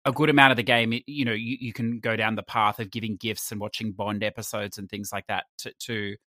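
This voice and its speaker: Easygoing bright-voiced podcast man. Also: on the low side, little pitch movement, a little fast, dry recording, clean studio sound. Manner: easygoing, hedging with "you know" and "sort of". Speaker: podcast co-host. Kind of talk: casual gaming podcast chat.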